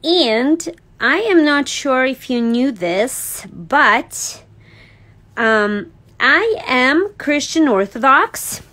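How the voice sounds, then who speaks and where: Lady doing a slow chatty card making live, high voice, thinks out loud and laughs a lot. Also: big pitch swings, low-quality recording. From Serbia. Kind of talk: casual craft demo livestream. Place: craft desk indoors. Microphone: overhead camera on desk.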